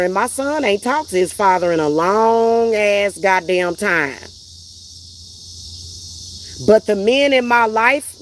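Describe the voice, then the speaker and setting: A woman's voice: on the high side, slight background noise. A woman vlogger ranting in a heated, emphatic, profane way, repeating herself for emphasis. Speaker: vlogger and spiritual reader. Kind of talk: heated personal rant.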